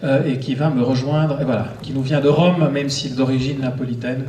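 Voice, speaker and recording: Speaking to an audience in a cinema auditorium, a man hosting a screening offers a chatty, digressive live introduction. His mid-range voice is warm and steady, a little fast, recorded echoey from a distant microphone with slight background noise.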